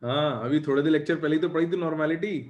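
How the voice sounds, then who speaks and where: A male chemistry teacher giving a live lecture, dictating questions slowly and chatting with his students. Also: fairly high pitch, a little mellow, roomy sound.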